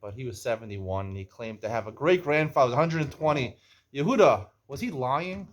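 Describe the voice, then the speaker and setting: This Israeli host, in his 40s, swaps stories and jokes with a guest in a chatty, teasing way. His mid-range voice has lively intonation and a slightly fast pace, though the audio sounds dull.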